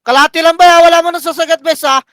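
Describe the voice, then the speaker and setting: A man calling shots for his team in live game voice chat, barking rapid commands and countdowns and swearing. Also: very high-pitched, steady tone, a bit bright, no room sound. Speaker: team shotcaller.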